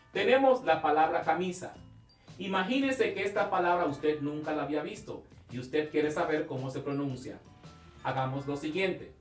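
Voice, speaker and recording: A man teaching English pronunciation in a televised class, speaking slowly and emphatically, drawing out key sounds and praising his viewers. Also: on the high side, reverberant, far from the mic. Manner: asks questions and praises the viewer.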